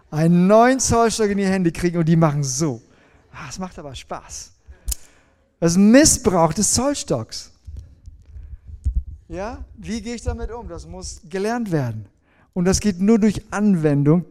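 A man's voice: sits high, warm tone. A middle-aged man preaching a sermon to his congregation, asking them questions and demonstrating with a folding rule as he talks. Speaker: pastor.

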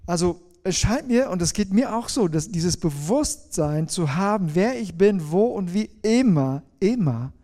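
A man preaching a sermon in a conversational way, asking his listeners questions and slowing down on key phrases. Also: sits high, lively intonation, dark tone.

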